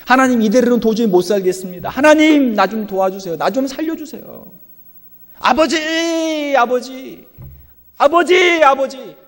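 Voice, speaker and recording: A pastor voicing an anguished childless woman who wails aloud as she pleads in prayer. The voice is pushed well above his usual pitch, in sobbing, pleading cries. It rings with a long hall reverb. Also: expressive, moderate pace, fairly bright tone.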